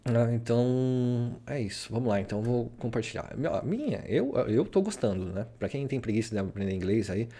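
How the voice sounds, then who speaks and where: A Brazilian vlogger talks casually about his study routine while sharing his screen, rambling and adding "né?" to many sentences. His medium-pitched voice is mellow, animated and fairly quick.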